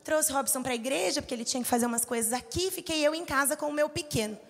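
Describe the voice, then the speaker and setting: In a church with long hall reverb, a woman in her thirties with a Brazilian Portuguese accent preaches a conversational sermon as a church speaker. Her voice sits high and moves fast as she tells personal stories, acting out the lines of the people in them.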